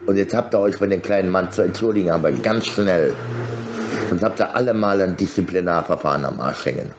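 A middle-aged man with a low-sitting voice rambles casually into a phone held close to his face, his sentences halting and fragmented, words often repeated. The audio is dull and the background noisy.

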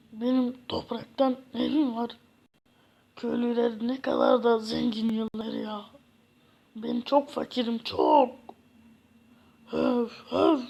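A woman's voice: a little high, creaky, darkish tone, exaggerated voice. A woman doing a sighing, self-pitying poor man. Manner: sighing, whiny complaining. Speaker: content creator. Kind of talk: game parody role-play.

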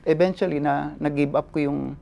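A male photojournalist giving an animated personal account in an interview, switching between languages and often adding "no?" tags. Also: a little high, moderate pace, vocal fry. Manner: animated retelling, code-switching, frequent "no?" tags.

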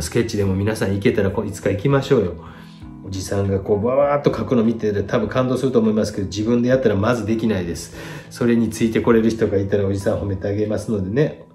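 A middle-aged man with a Kansai accent, chattily critiquing viewers' artworks as a painter, his pitch swinging lively between phrases. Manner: chatty, lively swings in pitch and loudness, self-deprecating asides. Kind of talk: online art critique.

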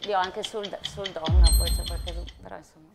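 A woman's voice: on the low side, fairly even intonation, moderate pace, loud music behind the voice. A woman, a quiz show judge explaining rulings in a casual way.

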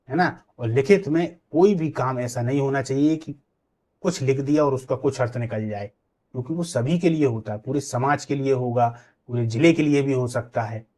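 A man's voice: mid-range voice, a little mellow. A man teaching an exam coaching class. He explains points through worked examples, stresses key words and checks in with his students.

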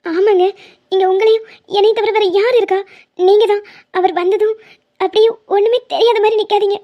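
A woman's voice: very high voice, steady tone, a little fast, highs cut off. A woman voicing a young woman obsessed with love in a cartoon, pleading and insistent. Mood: accusing.

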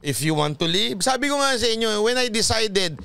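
A man's voice: sits high, expressive, normal speed, gravelly, smooth, dry recording. A Filipino man, a pastor, giving emphatic, preachy talk-show commentary with a Filipino accent and tagging his lines with "ha?". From Philippines. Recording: loud music playing behind the voice.

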